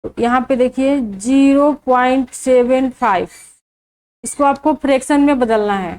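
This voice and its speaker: A woman with a high, slightly mellow voice walks through a maths lesson step by step, slow and deliberate. She repeatedly poses questions to the viewer and answers them herself, and the audio quality is poor.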